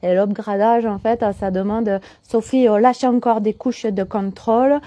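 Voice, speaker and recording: Middle-aged woman, holistic coach, chatty live-stream host who keeps answering comments; mellow tone, dry close sound. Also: mid-range voice, fairly even intonation, measured pace, no room sound. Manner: chatty, answers viewers' comments as she talks. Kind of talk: casual live stream chat.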